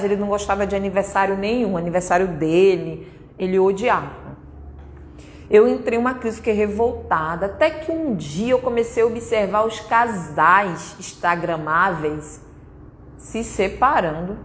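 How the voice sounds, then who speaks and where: A woman in her thirties with a Brazilian accent, giving a blunt, emphatic and repetitive motivational talk at a conference. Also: medium pitch. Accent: Brazilian Portuguese. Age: 30s. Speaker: conference speaker. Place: conference hall. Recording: echoey hall, faint noise.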